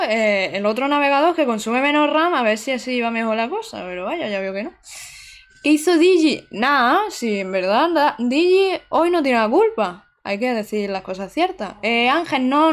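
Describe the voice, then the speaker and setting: A young woman, chatting to her viewers while playing a game live. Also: on the high side. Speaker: streamer. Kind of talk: live gameplay commentary.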